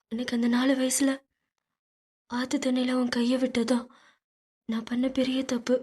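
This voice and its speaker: A woman putting on a high sobbing young sister, pleading, tearful, audiobook voice. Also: a little mellow, slightly rough, heavily acted. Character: young woman, terrified sister begging thugs.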